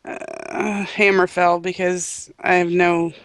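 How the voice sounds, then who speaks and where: A woman's voice: on the low side, little pitch movement, slow pace, no room sound. A woman co-hosting a casual gaming podcast, self-deprecating and casually swearing. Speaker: podcast co-host.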